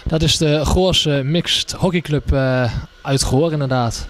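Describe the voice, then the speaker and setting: A man's voice: a little high, slow pace, slight background noise. A young man in his twenties, a hockey trainer, talking hesitantly with many fillers in a casual promo interview. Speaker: hockey trainer and event organizer. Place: small indoor café. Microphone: handheld microphone.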